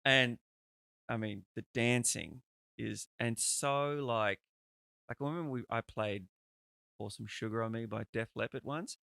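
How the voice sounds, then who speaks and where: A man hosts a podcast interview, his voice gravelly and forceful. He talks in a loose, rambling way, swearing casually. The sound is dry and close. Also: medium pitch, a little slow, no room sound. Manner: chatty, rambling and peppered with swearing. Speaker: podcast host.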